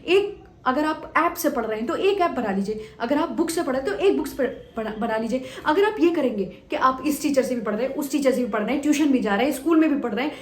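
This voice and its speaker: A woman's voice: high voice, animated, quick pace, echoey room. A young woman teacher giving exam tips to students, repeating phrases for emphasis and acting out a story between two students. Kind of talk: motivational talk to students with a told story.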